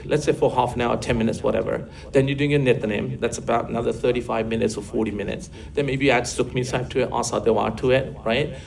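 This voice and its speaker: Quick-talking older male religious teacher. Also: mid-range voice, gravelly. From England. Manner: lively, coaxing, asks the class questions. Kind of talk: classroom religious talk.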